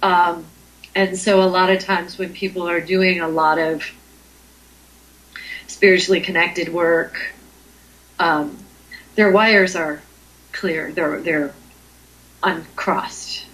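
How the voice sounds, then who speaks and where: A woman's voice: fairly low pitch, steady tone, slow pace, pauses often, fairly bright tone, rough recording. A woman being interviewed as a Reiki healer, talking in a hesitant way with many ums and restarts. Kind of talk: conversational interview.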